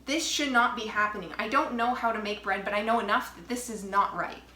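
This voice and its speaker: Her medium-pitched voice is a little fast and sharp, with a roomy sound. Breathless while baking in her home kitchen for a casual vlog, she grumbles in exasperation, mocks herself, and swears from time to time.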